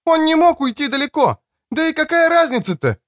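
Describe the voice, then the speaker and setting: A man's voice: sits high, lively intonation, normal speed, a bit bright, no room sound, clean studio sound, voice pushed up. A man voicing a brash, sarcastic woman doctor who swears and mocks. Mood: shouting. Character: brash mocking older woman doctor, Kretsia.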